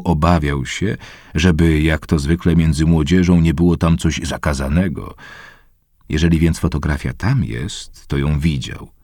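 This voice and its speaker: A man reading an old personal letter aloud in a conversational, expressive way. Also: low-pitched, no room sound, clean studio sound.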